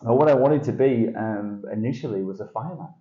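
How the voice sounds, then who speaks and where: A sales director from northern England, appearing as a podcast guest, talks casually and self-deprecatingly about his path, chatty with frequent restarts and light laughs. His mid-range voice is mellow and a little fast, on dull lo-fi audio in an echoey room.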